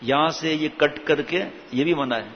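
A man giving an informal religious talk in a conversational way, with rhetorical questions and frequent restarts. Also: on the high side. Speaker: religious preacher. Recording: dull lo-fi recording with faint hiss.

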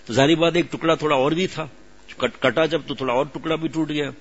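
A man's voice: fairly high pitch, fairly even intonation. Earnest middle-aged male preacher, muffled recording. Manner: storytelling with acted-out quoted dialogue; emotional, earnest. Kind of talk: sermon. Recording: dull lo-fi recording.

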